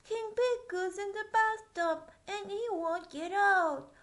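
A woman voicing a young page boy in a storybook who cries for help in a shrill, panicky voice. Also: slow, a bit bright, heavily acted. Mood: frantic.

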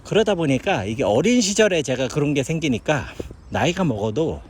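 A chatty man from South Korea, a vlogger living in China, muses aloud while hiking through a hillside park outdoors, giving casual walking commentary. His voice is fairly high, sing-song and slightly rough, at a moderate pace.

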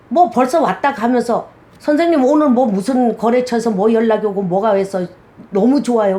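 A woman's voice: a little high, a little mellow. A middle-aged woman, a shaman, talking bluntly and animatedly in a casual interview, often acting out quoted dialogue.

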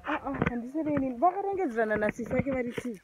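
A woman's voice: sits high, animated, very fast, very noisy. A young Zimbabwean woman with a Zimbabwean accent, chatting casually into a phone held at arm's length as she vlogs outdoors and in a car, switching between English and Shona. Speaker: vlogger. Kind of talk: casual vlog chat. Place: outdoors at a rural school and in a car.

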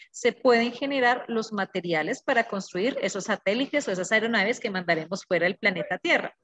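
Fairly high-voiced woman teaching. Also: fairly bright tone. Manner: explanatory, repeats key words, checks in with students. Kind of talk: online class lecture.

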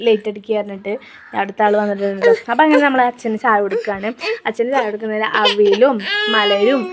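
Fast-talking woman vlogger. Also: medium pitch. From Kerala, India. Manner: chatty and homely, addresses viewers directly. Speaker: family vlogger. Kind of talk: casual voice-over narration of a home vlog.

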